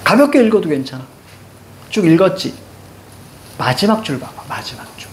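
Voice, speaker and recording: High-voiced, brisk male lecturer. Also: a little hiss or hum. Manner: energetic, drills students with repeated questions. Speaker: teacher. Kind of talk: online lecture.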